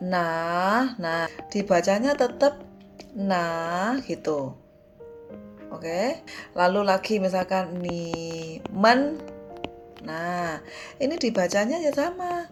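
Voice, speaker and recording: A woman's voice: lowish voice, lively intonation, slow, long pauses, faint music behind. A woman with an Indonesian accent teaching Mandarin pronunciation in a casual online lesson, repeating syllables to drill viewers.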